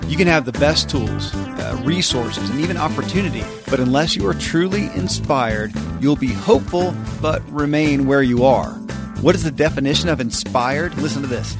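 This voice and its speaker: A man's voice: on the high side, lively intonation, moderate pace, gravelly, loud music behind the voice. A man hosting a motivational show, speaking earnestly and emphatically straight to listeners. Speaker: podcast host.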